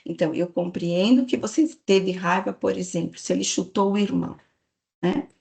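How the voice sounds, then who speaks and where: A woman's voice: fairly low pitch, normal speed, creaky, a little mellow. A woman giving a lecture to a live audience, explaining patiently and checking in with the listeners. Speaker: speaker giving a parenting talk to staff.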